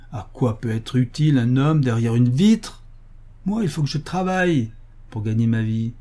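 A hot-tempered young man, as a man reading a storybook puts him on, fires off indignant questions in a raised, heated voice. The tone stays husky and dark underneath the rant. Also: a little high.

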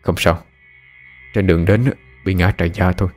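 A man's voice: sits low, steady tone, moderate pace, a little mellow, soft background music, natural voice. A man voicing a weary, hurt young husband who speaks in a subdued, reassuring way in a storybook ghost tale.

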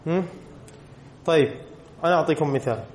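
A man teaches a grammar lesson in a classroom, with a slightly raised pitch. He keeps quizzing the students and going back over the rule. The room echoes, with a faint hum behind him. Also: brisk, darkish tone. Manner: asks the class questions and answers them himself, repeats key rules.

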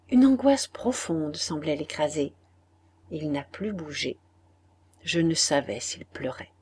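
A woman reading a classic novel aloud, measured and dramatic, sometimes dropping to a hush. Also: lowish voice, husky. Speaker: audiobook reader. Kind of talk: literary audiobook narration.

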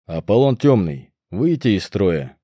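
A man's voice: on the low side, animated, fairly quick, mellow, no room sound, studio quality, close to an everyday voice. A man voicing a commanding middle-aged male governor who speaks in a formal, proclaiming way.

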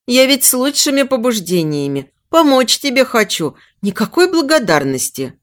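A bossy invisible spirit, a female voice that grumbles and lectures with a dismissive snort in it, as a woman reads her in an audiobook. Her pitch swings widely as she scolds. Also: very animated, normal speed. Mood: scolding. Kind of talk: audiobook character voice.

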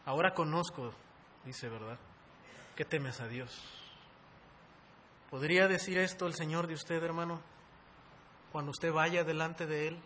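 A man preaching a sermon, who rises to loud, intense emphasis and calls his listeners brothers. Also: steady tone, unhurried, pauses often, slight background noise. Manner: rising to loud, high-pitched emphasis, addresses listeners as brothers.

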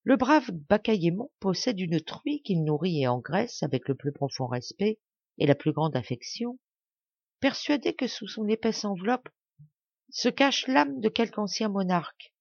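A woman's voice: mid-range voice, expressive, measured pace, vocal fry, darkish tone, dry recording, muffled recording. Woman reading a fable aloud. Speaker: audiobook reader. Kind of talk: storybook narration.

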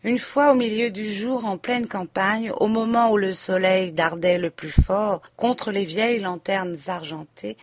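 A woman reading a classic novel aloud as an audiobook narrator, in a measured, even storytelling manner. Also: medium pitch. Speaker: audiobook reader. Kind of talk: scripted literary narration.

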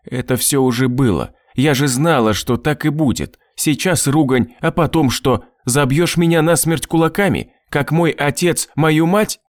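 A man's voice: a little high, unhurried, hardly any pauses, no room sound, studio quality, voice pushed up, lightly acted. A man voicing a distraught, bitter wife in an audiobook, reproachful and pleading.

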